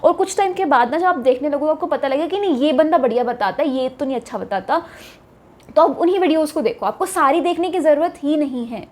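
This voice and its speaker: A woman's voice: high voice, lively intonation, fast talker. A young woman with an Indian accent giving casual study advice for an exam, chatty and mixing in English phrases. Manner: chatty, keeps saying "theek hai", mixes Hindi and English. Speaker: exam prep tutor.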